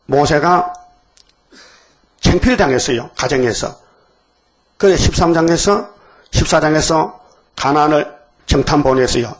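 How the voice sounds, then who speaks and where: A male pastor preaching a dawn sermon, questioning the congregation and acting out biblical voices. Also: a little high.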